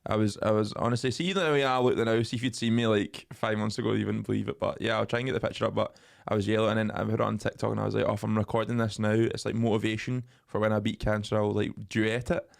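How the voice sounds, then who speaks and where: A young man with a lowish, creaky voice talks fast and barely pauses while co-hosting a podcast. He tells animated stories in casual chat, swearing a lot and cracking jokes.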